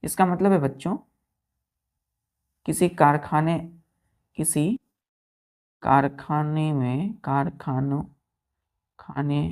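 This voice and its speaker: Woman teacher, low voice, very slow delivery, spells words out, repeats and checks understanding. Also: fairly even intonation, darkish tone. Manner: keeps asking students if it is clear; addresses students as children, repeats words for drilling. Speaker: English vocabulary teacher. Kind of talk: exam-prep vocabulary lesson.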